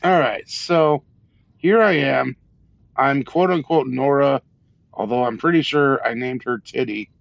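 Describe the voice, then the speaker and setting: A drunk man hosts a game stream in a casual, rambling way. His voice is gravelly and creaky, and he takes his time getting sentences out. The sound is close and dry. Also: mid-range voice, measured pace, no room sound. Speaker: livestream gamer host.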